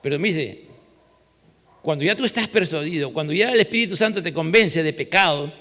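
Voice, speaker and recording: Peruvian male pastor, high bright voice, chatty sermon full of rhetorical questions, long church reverb. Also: fairly quick. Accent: Peruvian Spanish. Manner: conversational, asks rhetorical questions with frequent tag "¿no?".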